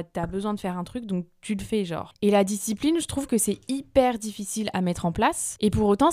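A woman's voice: mid-range voice, a little mellow, dry recording, clean studio sound. A young adult woman hosting a casual solo podcast, chatty and slangy with lots of fillers. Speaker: podcast host.

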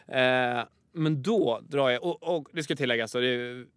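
A man's voice: medium pitch, clear, resonant tone, no room sound. A man casually telling a funny anecdote, acting out the people in it and laughing often. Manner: animated, acts out quoted voices, laughs often. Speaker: storyteller.

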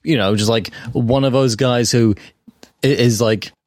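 Male podcast co-host, mid-pitched, stammering casual delivery with dry wit, dry close mic. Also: fairly even intonation, a little mellow, dry recording. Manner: halting, many fillers and repeated starts, dry humor. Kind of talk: casual film podcast chat.

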